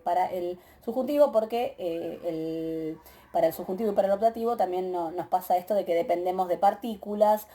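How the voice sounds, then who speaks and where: A woman teacher with an Argentine Spanish accent, giving a methodical recorded grammar lecture, often pausing with "eh" and checking in with her students. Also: mid-range voice, warm tone. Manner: methodical, explanatory, many filler "eh"s and rhetorical "¿sí?" checks.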